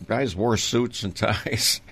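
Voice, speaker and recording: An older retired radio announcer from Minnesota tells stories of his career in a slightly low voice. He rambles, fills pauses with ums and uhs, and chuckles now and then. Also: fairly bright tone, breathy edge. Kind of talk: reminiscing interview talk.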